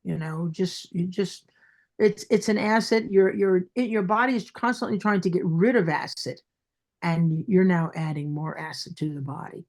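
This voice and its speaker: A woman's voice: on the low side, moderate pace, darkish tone. A woman with a Brooklyn accent speaking as a dentist guest in an interview, emphatic and repeating phrases for stress.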